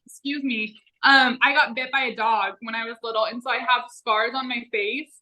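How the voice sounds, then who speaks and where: A woman's voice: on the high side, steady tone, moderate pace, pushed and bright, rough recording. A young woman in a casual Q&A chat with a friend, speaking informally with slang and lots of "like". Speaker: vlog co-host.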